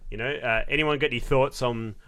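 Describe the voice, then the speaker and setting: A man hosting a casual podcast chat, relaxed and chatty, laughing often. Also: medium pitch, brisk. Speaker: podcast host.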